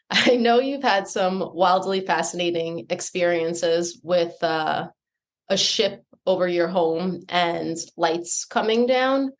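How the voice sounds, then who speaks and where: A woman hosting a podcast, asking her guest questions in a measured way. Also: on the low side. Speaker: podcast host. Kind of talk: interview questions.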